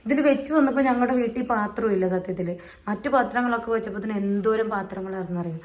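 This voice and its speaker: A young mother vlogging from her home kitchen, talking to viewers in low, soft asides. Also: racing. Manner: high sing-song baby talk with her toddler. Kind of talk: casual home vlog.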